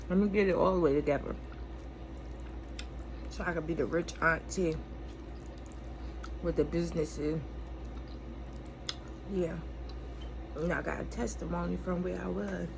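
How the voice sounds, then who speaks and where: Gravelly American woman, rambling candidly. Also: lowish voice, fairly even intonation, measured pace, long pauses. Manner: candid, blunt, profane, emphatic. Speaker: vlogger. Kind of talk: rambling casual confessional chat. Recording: clearly noisy room ambience.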